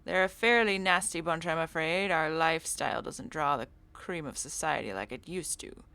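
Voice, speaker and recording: A woman's voice: low voice, normal speed, pushed and bright, smooth, no room sound. A woman voicing a sly, theatrical male cultist in a game, with polished, mock-formal phrasing. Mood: suave.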